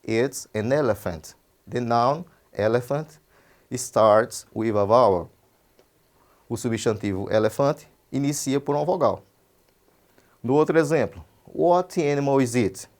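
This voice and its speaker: A Brazilian male English teacher giving a broadcast lesson. He explains quickly in Portuguese, says the English examples slowly and carefully, and often checks in with "certo?". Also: medium pitch, a little mellow. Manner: switches between quick explanation and slow, deliberate English examples; checks understanding with frequent "certo?".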